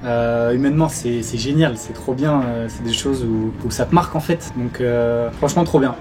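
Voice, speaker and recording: A man's voice: medium pitch, normal speed, background noise. A young man, the team's captain, answering questions casually and with enthusiasm. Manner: enthusiastic, filler-heavy. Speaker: team captain player.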